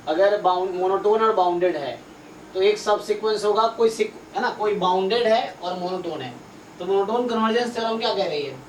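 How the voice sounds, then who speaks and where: A man's voice: sits high, brisk. A man teaching a math exam-prep class, thinking aloud and repeating himself as he works through problems. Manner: explains in mixed Hindi and English, thinks aloud, repeats himself. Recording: roomy, distant mic with faint noise.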